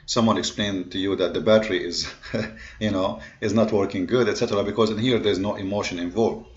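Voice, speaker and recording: A man whose first language is Arabic, an online religious debater and host, delivers a casual, lecture-style monologue in a fairly low, steady voice. His speech is halting, with many fillers, repeated words, restarts and non-native grammar. The recording sounds dull and lo-fi.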